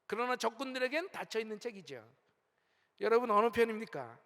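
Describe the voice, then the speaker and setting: A middle-aged senior pastor preaches in a large church sanctuary with a very high, fairly bright voice, very animated and fairly quick. He speaks with strong emphasis, rising and falling as he leads the congregation in call-and-response, and long hall reverb fills the recording.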